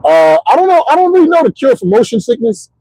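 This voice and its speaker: A middle-aged man hosts a casual livestream, rambling in an animated, motivational way, repeating himself often and saying "you know what I'm saying." His voice is very high, fast and creaky, and the audio is dry and poor.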